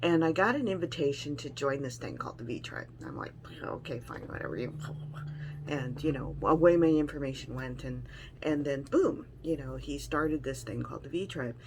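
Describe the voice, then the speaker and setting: A woman's voice: extremely low pitch, animated, brisk, noisy background. A middle-aged woman talking in a casual personal vlog, rambling and frank with some salty language. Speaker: vlogger sharing weight-loss surgery experience.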